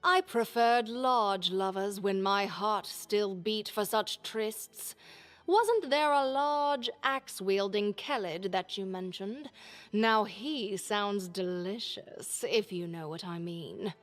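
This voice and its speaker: A woman's voice: medium pitch, takes it slowly, faint music behind, natural voice. An actress voicing a sly, teasing undead elf woman in a video game, with a languid, suggestive manner.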